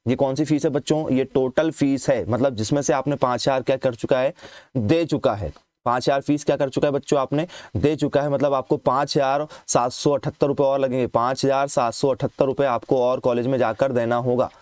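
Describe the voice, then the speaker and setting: Over scanned documents, an Indian coaching teacher explains admission fees to students, often posing a question and then answering it himself. His medium-pitched voice is darkish, fairly even and fairly quick, with no echo.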